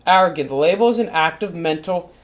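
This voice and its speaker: In this lightly acted bit, a mid-range voice plays a cat with a short fuse and a filthy mouth who reads aloud from a spiritual book. The reading starts calm and measured, then breaks into shouted, profane rants.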